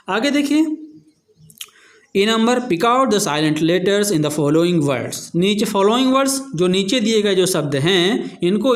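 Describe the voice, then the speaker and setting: Guy teacher w/ a high voice going over exam revision, spells stuff out, asks then answers himself. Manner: explains step by step, spells words letter by letter, asks and answers his own questions.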